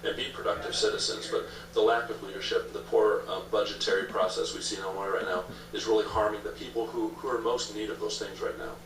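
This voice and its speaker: A man with a fairly low voice talks quickly, like a candidate in a political interview. He makes his points emphatically with repeated phrasing, heard from a distance in a roomy space. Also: fairly even intonation, fairly bright tone. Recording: echoey room, distant mic, noisy background.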